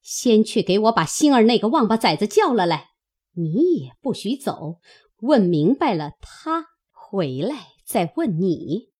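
A woman voicing a sharp, commanding noblewoman of a great household, speaking coldly and scornfully in an audiobook. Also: medium pitch, very animated, measured pace, breathy edge. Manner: cold, scornful, imperious.

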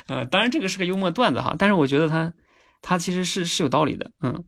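A man hosting a casual livestream, chatty and earnest, often checking in with listeners through quick tag questions. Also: high-pitched, lively intonation, creaky, a bit bright. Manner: earnest, sometimes emphatic. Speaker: livestream host.

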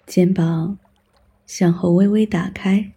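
Casting: calm guided-meditation narrator, soft mellow tone, very even and level pitch, unhurried scripted instructions with generous pauses. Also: breathy edge. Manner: calm, soothing, instructional delivery with long pauses.

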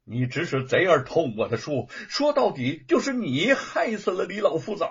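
A man's voice: fairly high pitch, very animated, normal speed, husky, dull audio, voice pushed up, full character voice. Man playing an impassioned young scholar. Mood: furious. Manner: impassioned, quavering with grief and anger. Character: grieving, indignant young male scholar.

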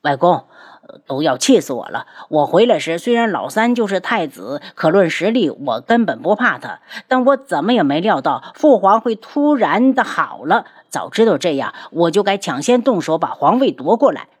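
A woman's voice: fairly low pitch, very animated, normal speed, husky, dry recording, clean studio sound. A woman voicing a hot-tempered, ambitious young prince in an audiobook, speaking agitatedly. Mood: angry.

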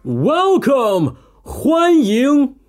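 A woman voicing a brave little child knight in a storybook, speaking slowly and saying each line first in English, then in Chinese. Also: high-pitched, huge pitch swings, a little mellow, faint music behind, full character voice. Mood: heroic, friendly. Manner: slow, deliberate bilingual lines, English then Chinese.

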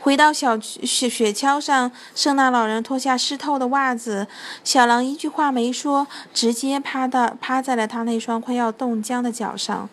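A woman's voice: fairly high pitch, steady tone, normal speed, a little hiss or hum. Woman reading a children's story. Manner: gentle storytelling, occasional slips. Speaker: narrator.

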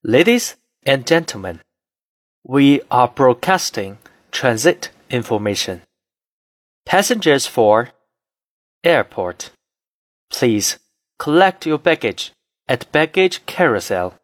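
A man reading scripted cabin announcements as a flight attendant, in a formal, measured, phrase-by-phrase manner. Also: mid-range voice, very animated, no room sound, studio quality.

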